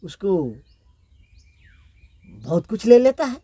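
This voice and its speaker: A man's voice: sits high, lively intonation, slow pace, dark tone, no room sound, full character voice. A man voicing a carefree, trusting king who brushes off worries in an easygoing way. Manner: easygoing, dismissive.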